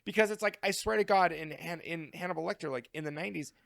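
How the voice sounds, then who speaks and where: A man co-hosting a film podcast, talking in a rambling, animated way with lots of fillers and laughs. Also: fairly high pitch, fast, gravelly, dry recording, studio quality. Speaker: podcast co-host. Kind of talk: casual film discussion.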